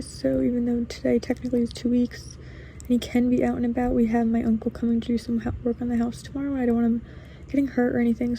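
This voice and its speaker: Young female vlogger with a sore, stiff jaw; flat intonation, creaky voice, casual update. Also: fairly high pitch, a little hiss or hum, low-quality recording. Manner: talks with a sore jaw, mouth not opening fully. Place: bedroom at home.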